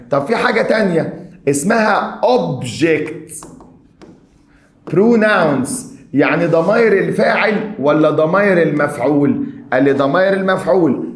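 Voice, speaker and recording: A man with an Egyptian accent teaching English grammar, quizzing the student and praising answers. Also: on the high side. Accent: Egyptian Arabic. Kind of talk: Egyptian Arabic grammar lesson. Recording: echoey room.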